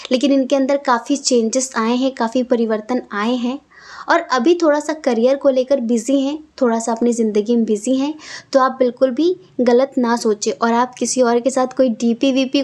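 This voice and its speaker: A woman's voice: high voice, a little mellow. A young woman giving a casual tarot reading, speaking earnestly and directly to the viewer, repeating her points. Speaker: tarot reader.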